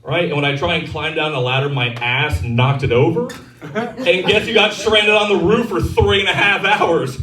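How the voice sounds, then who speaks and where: A brash man in his thirties working a stand-up crowd, with a crude, self-mocking delivery and a fairly high voice for a man. He is heard a little off the mic, and the club room rings around him. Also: moderate pace, bright, forceful tone. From Texas. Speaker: stand-up comedian. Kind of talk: stand-up comedy set. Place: comedy club stage. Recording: roomy club sound from a distance.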